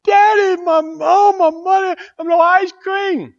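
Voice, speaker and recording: A woman's voice: very high voice, fast talker, a bit bright, highs cut off, pitched above the performer's own voice. A man voicing an impatient five-year-old girl who begs and cries for ice cream, repeating herself. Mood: wailing. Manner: pleading, whiny repetition.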